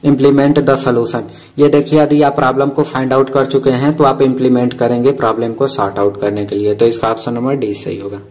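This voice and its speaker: A man's voice: mid-range voice, flat delivery, a little mellow, low-quality recording. A man, tutoring for a vocational exam and explaining answers to quiz questions one by one. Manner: reads each question slowly in English, then explains in Hindi.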